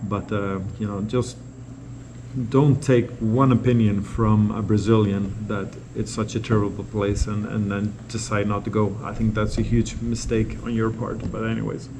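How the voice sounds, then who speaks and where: Against a noisy background, a man from Norway talks at a moderate pace in a fairly low voice that barely shifts in pitch. The native Norwegian speaker loosely responds to viewer comments in an unscripted vlog, repeating words as he rambles.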